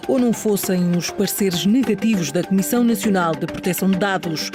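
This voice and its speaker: A news reporter with a European Portuguese accent narrates a scripted documentary report. The voice sits at a medium pitch, with loud music running underneath. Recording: loud music bed behind voice.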